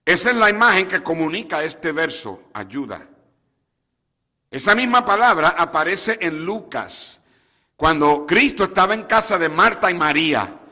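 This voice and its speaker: A man's voice: high-pitched, sharp tone. A man preaching a sermon as a pastor to his congregation, asking them questions and slipping English words into his talk. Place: church sanctuary. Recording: long hall reverb.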